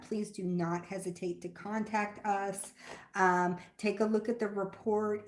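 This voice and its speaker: A woman walks colleagues through data in an informal webinar style. Her voice sits a little low, and the room adds a clear echo around it. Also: a little mellow. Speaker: epidemiology staff presenter and moderator. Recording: echoey room sound.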